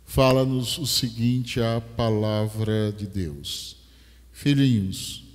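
A middle-aged pastor from Brazil with a Rio de Janeiro accent, reading scripture and preaching a sermon on a headset mic in a large church. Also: male voice, mid-range voice, darkish tone. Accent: Rio de Janeiro Portuguese. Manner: slow, measured scripture reading building to emphatic preaching. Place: large church stage, indoors. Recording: long church hall reverb.

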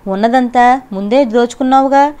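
A woman voicing a frightened, spiteful elderly man in an audiobook reading, with shrill, panicky shouting. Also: moderate pace, clear, resonant tone, natural voice. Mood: scornful.

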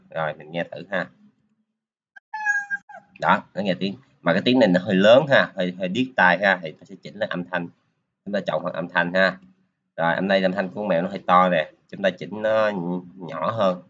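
A man's voice: deep voice, steady tone, fairly quick, fairly bright tone, lo-fi sound, slight background noise. A man giving a casual screen-recorded coding lesson, talking his way through each step with lots of filler particles. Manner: casual, talks while clicking through steps, many filler particles. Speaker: programming teacher.

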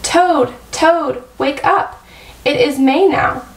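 An eager, cheerful male frog from a children's storybook, high-pitched and unhurried, as a woman reads him aloud. He urges his friend along in a bright, coaxing way. The voice sits back from the mic in a roomy, echoing space. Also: slight background noise. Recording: roomy echo, distant mic.

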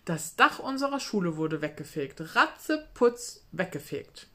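A woman's voice: on the low side, big pitch swings, measured pace, a bit bright. A woman voicing a bubbly schoolgirl who chats eagerly and giggles with her best friend. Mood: excited.

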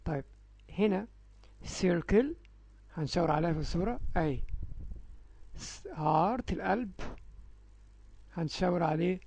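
معلم مصري بصوت خشن يشرح الحروف ببطء. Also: male voice, sits high, creaky, a little mellow, a little hiss or hum, rough recording. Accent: Egyptian Arabic. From Egypt. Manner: slow, drawn-out sounding of letters. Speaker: English teacher for young children. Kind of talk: phonics lesson.

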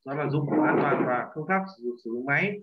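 A man's voice: fairly high pitch, lively intonation. Man teaching in an echoey room. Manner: corrects pronunciation patiently, repeats phrases slowly. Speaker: Korean language teacher. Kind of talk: language lesson. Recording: echoey, dull lo-fi room sound.

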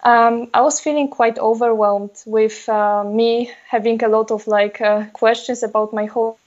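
A young woman from Poland with a Polish accent, speaking as an interview guest in a soft, dreamy way with many fillers. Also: fairly high pitch, steady tone, moderate pace. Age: young adult. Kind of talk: casual interview talk. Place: small room indoors. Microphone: earphone mic on a video call. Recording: dull lo-fi video call audio.

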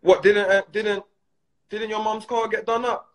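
A man ranting and mocking on a phone Instagram live, excitable and slangy. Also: high-pitched, measured pace.

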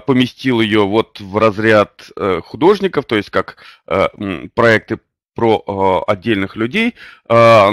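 A man hosting an online webinar, presenting unscripted and pausing often on drawn-out fillers. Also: lowish voice, a bit bright, dry recording, clean studio sound. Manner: hesitant, many drawn-out fillers. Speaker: webinar host.

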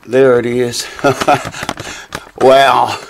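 A guitar repair vlogger chats casually to the camera from his small, cluttered home workshop, indoors, with mounted animal heads on the walls. His medium-pitched voice is raspy and hoarse as he loses it, barely moving in pitch, and he talks extremely slowly in a rambling, folksy way, swearing casually over background noise.

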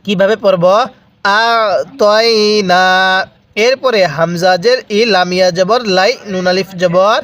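Brief: high-pitched male Quran reading teacher, patient drill, slow drawn-out syllables for repetition. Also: fairly bright tone. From Bangladesh. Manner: spells out letters and drawn-out vowels slowly, has learners repeat. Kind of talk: step-by-step recitation lesson.

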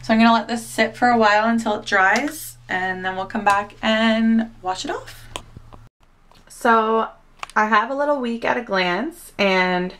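At home indoors, a young woman who recently became a mom chats to the camera in a casual, self-deprecating way, packed with fillers. Her voice is medium-pitched and a bit bright, and it sounds slightly far from the mic.

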